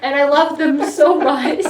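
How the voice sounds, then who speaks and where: A woman hosting a casual live-stream game chat, telling stories with lots of laughter. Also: high voice. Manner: laughs often, animated storyteller. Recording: echoey room, far from the mic.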